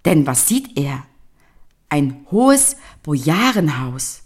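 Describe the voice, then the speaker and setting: A woman reading a fairy tale aloud in a measured, solemn storytelling manner. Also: deep voice, sing-song, breathy edge.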